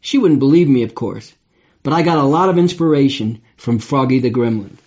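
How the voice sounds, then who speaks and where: A man's voice: mid-range voice, expressive, a little fast, a little mellow, breathy edge, highs cut off. An older man reading his memoir aloud in a wry, reflective way. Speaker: memoir narrator.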